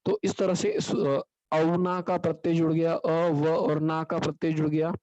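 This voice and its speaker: A man's voice: fairly high pitch, level tone, unhurried, a little mellow, no echo. A male teacher giving an online grammar lesson, explaining step by step and asking and answering his own questions. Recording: dull lo-fi online class audio.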